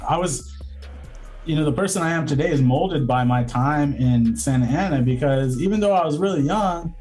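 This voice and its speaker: A man's voice: on the high side, moderate pace, a little mellow, soft background music, rough recording. A man speaking as a guest in a casual interview, reflective and rambling, with many fillers and restarts. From Southern California. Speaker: guest, lawyer and entrepreneur.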